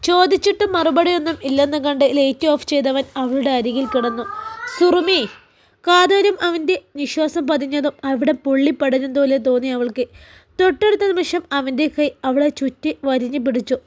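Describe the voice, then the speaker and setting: High-voiced woman narrating a story. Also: a little fast, a little hiss or hum.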